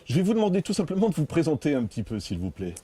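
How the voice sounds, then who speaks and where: A man's voice: fairly high pitch, very animated, rapid-fire, dark tone, breathy edge. A man working as a local TV reporter, asking friendly, leading questions outdoors. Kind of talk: outdoor interview. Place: outdoors by a church.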